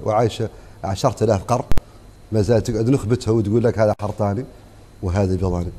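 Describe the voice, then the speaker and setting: Fast-talking Mauritanian man, insistent. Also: lowish voice, dark tone, slight background noise. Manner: fast, insistent, interjects "hnini" to hold the floor. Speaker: panel guest. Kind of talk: panel debate on television.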